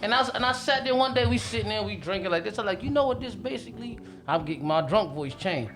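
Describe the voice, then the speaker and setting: A man's voice: sits high, fast, faint music behind. A man with a New Jersey accent, a DJ guest telling stories in casual podcast chat. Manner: storytelling, lively.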